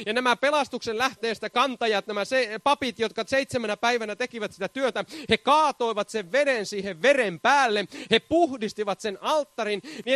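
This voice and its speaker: High, bright-voiced fervent male preacher. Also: no room sound. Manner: fervent, keeps shouting hallelujah and laughing. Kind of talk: charismatic sermon.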